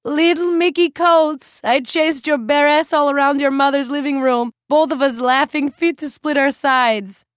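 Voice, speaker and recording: A woman reading aloud and voicing a brash, tipsy older woman with a Czech accent who cheers loudly at the television. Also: sits high, steady tone, measured pace, few pauses, no room sound, studio quality, pitched above the performer's own voice. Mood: boisterous. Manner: loud, croaking, cheering at the TV.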